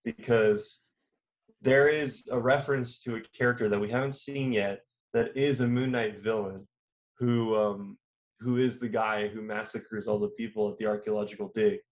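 A man's voice: fairly low pitch, steady tone, moderate pace. A man co-hosting a podcast, talking casually in long rambling turns with many fillers and restarts. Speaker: podcast co-host. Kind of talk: casual chat.

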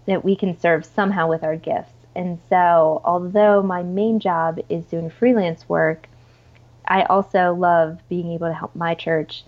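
A woman's voice: on the low side, narrow, tinny audio. A woman chatting casually as a podcast guest, informal and enthusiastic, with plenty of "like" and "you know". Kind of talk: casual, chatty interview conversation.

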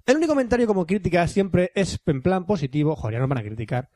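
A man's voice: sits high, lively intonation, quick pace, a little mellow, no room sound, clean studio sound. A man with a Spain Spanish accent, co-hosting a podcast, reading listener emails aloud in a joking, rambling way. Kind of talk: casual podcast banter.

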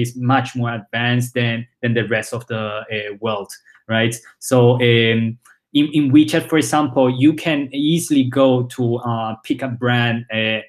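A Chinese-born man in his twenties, whose first language is Chinese and who has a Spanish accent, talks as a startup founder and CEO in a casual interview as a guest. His pitch is medium, and he halts often, repeating words and using fillers.

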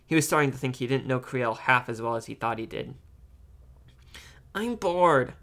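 A man narrating a fan audiobook of a novel. His reading stumbles now and then, with ums, restarts and self-corrections, all at a middling pitch. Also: steady tone, quick pace, vocal fry, bright, forceful tone. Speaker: audiobook reader.

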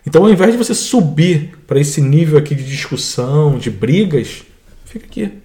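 Mellow-voiced Brazilian man on faith. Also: a little high, normal speed. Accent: Brazilian Portuguese. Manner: calm, explanatory, adds to his co-host. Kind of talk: devotional teaching talk.

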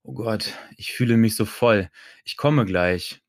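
A man's voice: on the low side, a little slow, no echo, studio quality, natural voice. A man voicing a breathless eager young wife.

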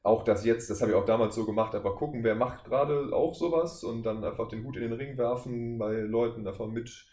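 This podcast guest is a voice actor in his twenties from Wuppertal, Germany, talking in a relaxed interview style and poking fun at himself. He speaks fairly quickly in a mid-range, darkish voice, barely pausing. The room he shares with the hosts sounds echoey, with faint noise underneath.

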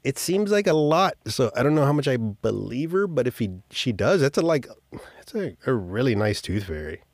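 A man's voice: medium pitch, very animated, moderate pace, dry recording, studio quality. A man hosting a podcast, telling a rambling story casually, with swearing and offhand jokes. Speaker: podcast host.

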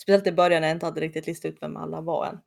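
Woman chatting about a tv episode, slightly low voice, throws in goofy voices. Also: creaky. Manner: animated retelling with quick comic voice impressions. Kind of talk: casual recap of a TV episode.

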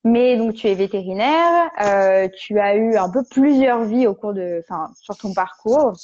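A woman's voice: mid-range voice, animated, unhurried, darkish tone. A woman hosting a podcast, asking rambling, meandering questions in casual conversation. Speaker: podcast host. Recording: muffled lo-fi recording.

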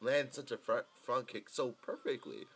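A man's voice: medium pitch, normal speed. A man giving casual live fight-fan commentary in a sweary frat-bro manner, full of dude and bro slang.

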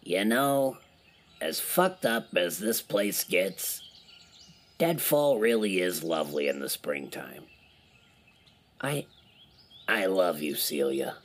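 A man's voice: low-pitched, lively intonation, slow, long pauses, full character voice. A man playing an exasperated guy stuck in a silly commercial, dry and swearing.

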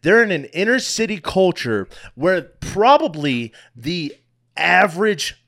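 A man's voice: high voice, big pitch swings, a little slow, vocal fry, a bit bright. A man speaking bluntly and emphatically in slangy, casual, heated commentary. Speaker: panelist giving a pastor's opinion.

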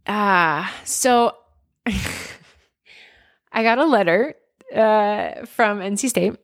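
This woman's voice has a medium pitch and lively intonation, but she talks extremely slowly. She is in her forties, a former basketball player from near Philadelphia in the United States, appearing as a guest in a reflective interview. Her delivery is candid and earnest, peppered with fillers and false starts.

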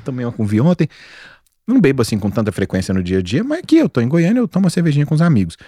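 A man's voice: mid-range voice, racing, dry recording, studio quality. A man in his forties with a Brazilian Portuguese accent, a doctor chatting casually and telling stories with slangy emphasis. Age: 40s. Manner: animated storyteller, slangy and emphatic. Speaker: doctor guest. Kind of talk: casual podcast chat.

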